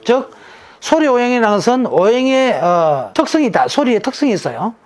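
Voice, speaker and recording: A man, a monk, explains his teaching to an interviewer. His pitch rises and falls in lively swings. He often puts a question and then answers it in an emphatic, casual tone. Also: brisk. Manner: lecturing, asks rhetorical questions and answers them himself; drops into a casual, emphatic sentence ending. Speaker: Buddhist monk who gives naming advice.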